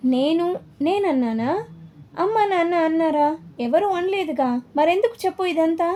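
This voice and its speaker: A woman's voice: very high-pitched, lively intonation, unhurried, dark tone. A woman voicing a stubborn young husband in a storybook reading, with an emphatic, insistent delivery.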